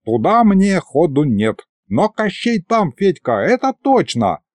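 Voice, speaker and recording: A man voicing an anxious, eager male helper who speaks slowly and urgently. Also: high voice, sing-song, dry recording, voice pushed up, exaggerated voice.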